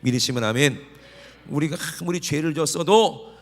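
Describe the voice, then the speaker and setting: A male pastor preaching a sermon, asking rhetorical questions and calling for amens, moving between quiet murmurs and loud exclamations. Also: a little high, moderate pace, big-room sound.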